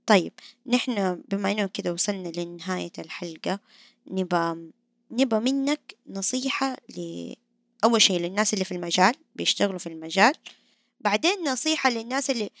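A woman hosting a podcast, talking quickly and asking her guest pointed questions. Her voice sits at an ordinary pitch. It is recorded dry, with no room sound. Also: dry recording. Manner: lively, direct questioning. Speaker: podcast host. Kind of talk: casual podcast interview.

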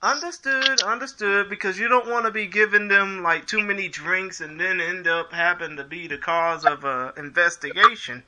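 A man's voice: high-pitched, fairly even intonation, moderate pace, hardly any pauses, very noisy. A man hosting a casual interview show, easygoing, laughing often and repeating his words as he asks questions.

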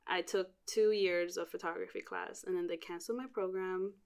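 A woman's voice: fairly low pitch, steady tone, normal speed, vocal fry, darkish tone, clean tone. A young woman in her twenties, from Miami and born in Cuba, talks casually as a podcast guest. She rambles through her memories, filling the gaps with "like" and restarting her sentences as she goes. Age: 20s. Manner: chatty and rambling, with frequent "like" fillers. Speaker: podcast guest, art director. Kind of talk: casual chat.

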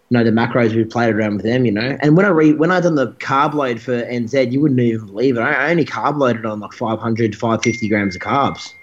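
Aussie guy rambling through a story in an interview, restarts a lot, mid-pitched voice, kinda muffled lo-fi audio. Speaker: guest bodybuilder.

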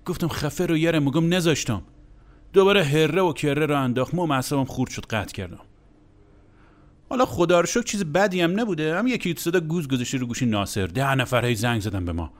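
A man's voice: mid-range voice, big pitch swings. A young man telling a crude, comic anecdote in a blunt, exasperated way. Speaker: storyteller.

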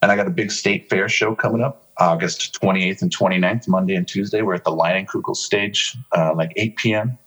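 A man with a very low, husky voice talks casually as a musician guest. He rambles, jokes, and fills the gaps with "uh" and "like.". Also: fairly even intonation, a little fast, hardly any pauses, fairly bright tone. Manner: rambling, joking, many fillers. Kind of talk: casual interview chat.

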